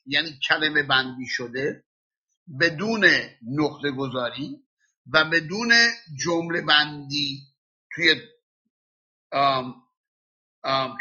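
Husky man teaching a lesson. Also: on the high side, sharp tone, highs cut off. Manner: explains slowly, spelling out letters and sounds by example. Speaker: religious teacher. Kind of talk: classroom lesson.

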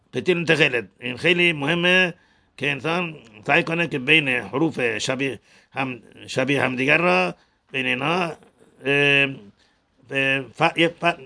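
Gravelly man teaching prayer pronunciation. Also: fairly high pitch, pushed and bright. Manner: halting, repeats words to model pronunciation. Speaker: religious teacher.

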